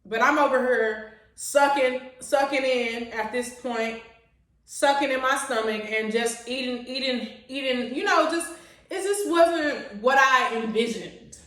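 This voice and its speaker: A young woman vlogger telling a story to camera in a casual, animated, sassy way. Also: high voice, measured pace, far from the mic. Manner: animated, expressive, sassy asides. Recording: echoey room, voice away from mic.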